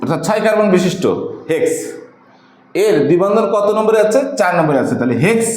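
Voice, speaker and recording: Bangladeshi man as a teacher, quizzing and answering himself, high and animated voice. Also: quick pace, reverberant, slight background noise, poor audio. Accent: Bangladeshi Bengali. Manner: asks questions and answers them himself while working through examples. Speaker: chemistry teacher. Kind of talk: recorded video lesson.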